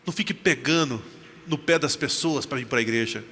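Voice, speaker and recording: A middle-aged man with a Brazilian Portuguese accent, preaching a sermon with lively storytelling and joking asides to the congregation. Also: mid-range voice, a little fast. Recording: reverberant hall, faint background noise.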